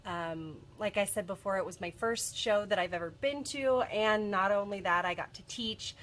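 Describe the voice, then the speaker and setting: Broadcasting from a cluttered office workroom, this bead shop video host, a woman in her thirties, chats casually with many ums and restarts. Her mid-range voice is fairly bright at a moderate pace, slightly congested by a cold.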